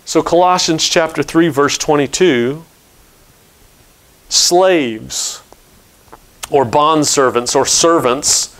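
An older man, a pastor, preaching a steady explanatory sermon from a church pulpit on a headset mic. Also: a little high. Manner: explanatory teaching, steady and measured.

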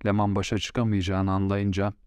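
A man narrates an audiobook story at a measured, unhurried pace. His voice is on the low side, and the recording is dry and close-miked. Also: completely flat delivery, a little mellow, clean tone, no room sound.

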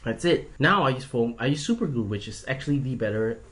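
A man's voice: mid-range voice, expressive, fast, fairly bright tone. A man shares stories from costume shoots in an easy, rambling way. He fills his sentences with "like" and laughs at himself. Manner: storytelling, many "like"s, laughs at himself. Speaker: guest, costume and prop maker. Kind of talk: casual chat.

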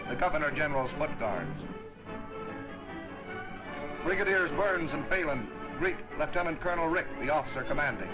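A man narrating an old 1940s newsreel in a brisk, ceremonial announcer's manner. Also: on the high side, poor audio. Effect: old 1940s newsreel sound. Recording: narration over loud band music.

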